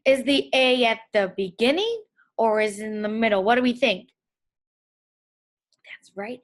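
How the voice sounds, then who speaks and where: A woman with a fairly high voice leads a phonics lesson for young children. She takes it slowly, breaking words into sounds with care. She keeps putting questions to her pupils and encourages them as she goes. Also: expressive. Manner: slow, deliberate sounding-out with frequent questions to the children; encouraging, praising the listeners.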